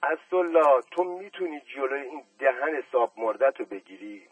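A hot-tempered middle-aged man, as a male reader puts him on, snapping and furious. His husky voice comes across a slightly distant mic. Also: mid-range voice, expressive, dry recording, narrow, tinny audio. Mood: angry. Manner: angry, snapping.

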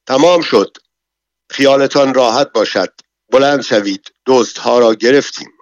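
A man's voice: medium pitch, no echo, lightly acted. A man playing a commanding old bank chief. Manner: loud, commanding. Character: older male bank chief, commanding and triumphant. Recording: dull, dry, lo-fi recording.

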